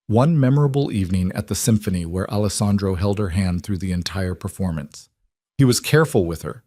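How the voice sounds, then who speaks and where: A man narrates a story in a steady, even reading. His voice sits low, and the recording is dry and close with no room sound. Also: dry recording. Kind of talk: scripted audiobook narration.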